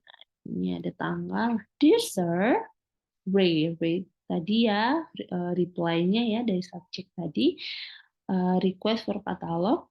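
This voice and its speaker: Gravelly woman teacher, hesitant lecture. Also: mid-range voice, lo-fi sound. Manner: explains slowly with many "eee" fillers; reads English phrases aloud, then translates them. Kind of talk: recorded lecture.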